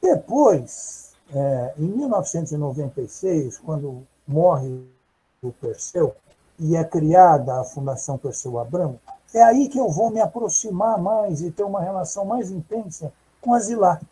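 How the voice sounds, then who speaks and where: A man recalling a long acquaintance at a virtual book launch, speaking hesitantly with pauses and restarts, over a video call. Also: a little high, expressive, dark tone, husky, poor audio. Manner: hesitant, with many fillers and restarts. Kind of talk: reminiscing testimony.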